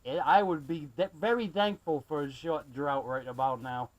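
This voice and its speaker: This CB radio operator from South Carolina speaks at a normal speed with a fairly high pitch. He's casual and friendly in his skip chat, throwing around call numbers and radio jargon, and the recording is muffled and band-limited.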